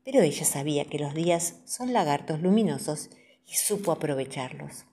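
An Argentine woman reading children's stories aloud in a soft, expressive way. Her voice is fairly low but moves up and down with lots of life as she tells each tale. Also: normal speed, breathy edge. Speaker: storyteller. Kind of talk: children's story narration.

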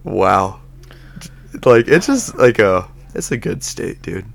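A man's voice: lowish voice, sing-song, takes it slowly, gravelly. A man chatting casually in a laid-back, slangy way. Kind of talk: casual chat.

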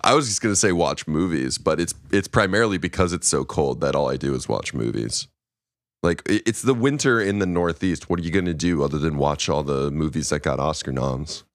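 A young man co-hosting a podcast, easygoing and quick to laugh in casual conversation. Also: rumbling low, animated, dry recording, clean studio sound. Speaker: podcast co-host. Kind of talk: casual chat.

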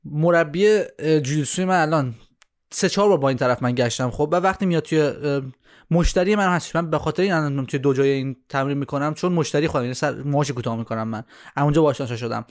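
A young man co-hosting a casual podcast chat, telling stories in an animated way and slipping into English phrases. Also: on the high side. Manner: animated storyteller who mixes in English phrases. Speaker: podcast co-host steering the talk.

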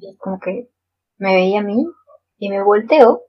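A woman in casual chat, asking curious questions and telling her own story, with a husky voice. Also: medium pitch, expressive, a little slow, lo-fi sound.

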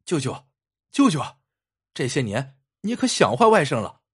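A man voicing a pale young nephew, earnest and soft-spoken, in a ghostly told story. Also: fairly high pitch, very animated, unhurried, husky, exaggerated voice. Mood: eager.

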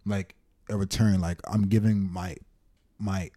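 A man's voice: low voice, flat delivery, unhurried, mellow. A man hosting a podcast, chatting casually in street slang. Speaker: podcast host; photographer. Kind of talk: casual chat.

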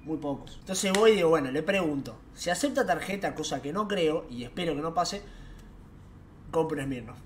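A young man with an Argentine accent telling a night-out anecdote in casual, slangy, animated chat. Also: on the high side, a little fast, slight background noise. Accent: Argentine Rioplatense Spanish. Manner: animated, slangy, laughs as he tells it. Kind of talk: casual storytelling.

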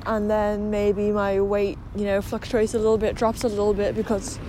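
A woman's voice: medium pitch, completely flat delivery, normal speed, mellow. A woman with a slight lisp from wearing a retainer, speaking candidly and hesitantly in a casual confessional podcast monologue recorded outdoors on a walk. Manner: hesitant, candid, with mild swearing. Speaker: podcast host. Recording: noisy outdoor walking recording.

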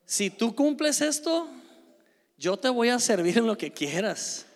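A man's voice: extremely high pitch, very animated, measured pace, big-room sound, pitched above the performer's own voice, exaggerated voice. A man voicing a doting young wife who eagerly promises to serve, in a sweet, eager tone.

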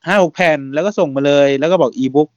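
A man hosting a casual podcast, talking in a relaxed, chatty way and laughing often. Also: on the high side, fast, no echo, highs cut off. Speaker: podcast host.

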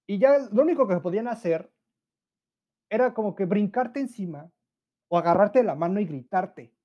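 The podcast host is a nineteen-year-old man with a Mexican Spanish accent who chats casually on his own, using slang, laughing frequently and acting out what his friends say. He has a high, expressive voice at a normal pace, and the recording has its highs cut off.

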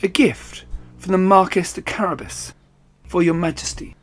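A cunning, bossy tomcat from a storybook, voiced by a male narrator. He purrs his words and turns courtly or commanding as he schemes. The voice is slightly husky and sits somewhat higher than the reader's own. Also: moderate pace, a bit bright.

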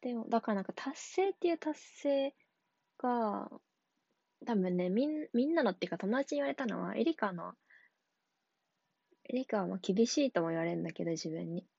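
A young adult woman talking casually on her own, relaxed and rambling, with many fillers and frequent laughs. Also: medium pitch, a little fast, creaky, long pauses, husky, dry recording, lo-fi sound. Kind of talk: casual solo talk.

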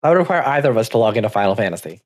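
A man with a mid-range voice recapping his gaming week. He sounds low-key and a little hesitant, dropping in ums and uhs as he goes. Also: very animated, very fast, darkish tone. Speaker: podcast co-host. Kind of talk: casual gaming chat.

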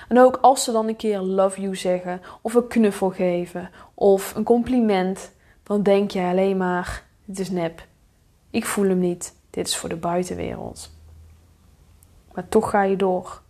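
A woman hosting a solo podcast, talking straight to the listener in a direct, confronting way and dropping into a low mutter for inner thoughts. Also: dark tone. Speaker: podcast host and coach.

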